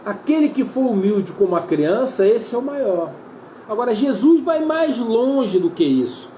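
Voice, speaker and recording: A man's voice: very high-pitched, sing-song, a little slow, dark tone, a little hiss or hum. A man preaching a sermon with a Brazilian Portuguese accent, earnest and repetitive, often calling his listeners brother. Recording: roomy echo with faint ambience.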